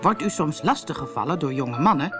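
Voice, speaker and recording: A woman's voice: low voice, animated, a little fast, music in the background. A woman voicing a cheeky young man who poses as a pompous doctor in a storybook, mock-solemn and hesitant.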